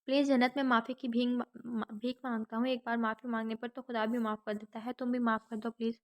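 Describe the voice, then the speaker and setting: A woman's voice: fairly high pitch, flat delivery, close to an everyday voice. A woman reading a broken, pleading young man. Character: remorseful young man begging forgiveness.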